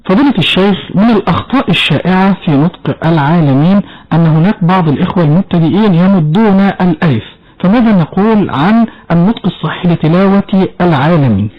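A man hosts a radio lesson in a high, quick voice. He introduces each part and puts questions to the teacher. The sound is dull and lo-fi, like an old broadcast. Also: animated. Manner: brisk, prompting questions. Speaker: radio program host.

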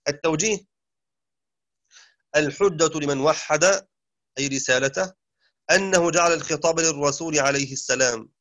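A man teaching a lesson in a measured, explanatory way, now and then chanting short recited passages. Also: fairly high pitch, a bit bright, no room sound. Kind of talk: lecture. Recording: dull, dry lo-fi sound.

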